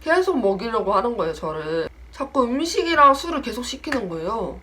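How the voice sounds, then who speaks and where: A woman's voice: on the high side, fairly quick. A young woman in her twenties telling a casual story about a friend, acting out the lines in different voices. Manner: animated, acts out the quoted lines in voices. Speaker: storytelling vlogger.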